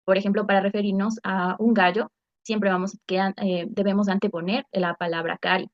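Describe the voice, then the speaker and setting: A woman's voice: mid-range voice, level tone, normal speed, no echo. Woman presenting, dull lo-fi sound. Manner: explanatory, reading structured points. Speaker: student presenter. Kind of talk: class presentation.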